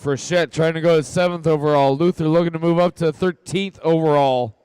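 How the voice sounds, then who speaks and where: A man's voice: a little high, steady tone, a little fast, darkish tone, clean tone, no echo. A man working as race announcer and director, calling the cars and giving drivers short, often repeated instructions in live commentary.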